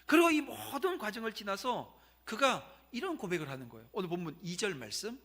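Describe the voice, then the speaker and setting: High, bright-voiced Korean pastor preaching. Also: male voice, sing-song, brisk. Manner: storytelling, conversational asides to the congregation. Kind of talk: sermon. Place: church sanctuary.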